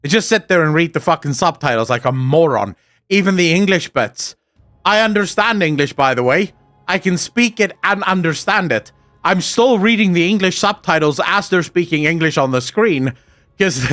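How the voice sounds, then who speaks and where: Streaming live, a young Afrikaans-accented man from South Africa, whose first language is Afrikaans, talks casually with his audience. His voice sits high and is a bit bright and expressive at a normal pace, full of profane rants and jokes.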